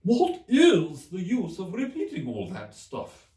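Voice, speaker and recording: In an echoey room, a mournful turtle creature drags out each plaintive word. The voice is mellow and swoops up and down, easily wounded, as in a storybook tale. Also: male voice, sits high, wildly swooping pitch, pitched above the performer's own voice, heavily acted. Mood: querulous, puzzled. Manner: slow, drawn-out, plaintive delivery. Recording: echoey room, distant mic.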